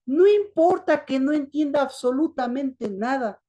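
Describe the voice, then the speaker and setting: Woman preacher, high voice, mellow tone, sermon style with repeated questions to the congregation. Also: expressive, a little slow. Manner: asks the congregation questions and answers them herself; repetitive, emphatic.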